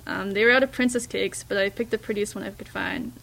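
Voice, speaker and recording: A woman reading a first-person story aloud, in a hushed, reflective way with small slips and restarts. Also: medium pitch, steady tone, fast, creaky, a little hiss or hum, rough recording. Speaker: reader.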